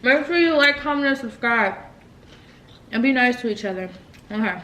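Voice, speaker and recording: Her voice a little high and animated at a moderate pace, this twentysomething vlogger talks over her meal to the camera, encouraging viewers she addresses as y'all. The background is noisy, the room echoes, and she sounds distant from the microphone.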